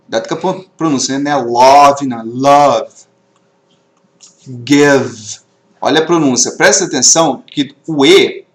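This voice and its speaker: Male English teacher, animated delivery, drills words for repetition, echoey room. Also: fairly high pitch. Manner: drills words aloud, slips English terms into Portuguese. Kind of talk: online class, teaching vocabulary. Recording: roomy echo.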